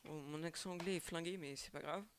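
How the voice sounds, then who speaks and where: A man's voice: on the high side, fairly even intonation, brisk, a little hiss or hum. A man doing a casual tarot reading to a webcam with a microphone, stumbling and repeating words often. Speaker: tarot reader and channel host.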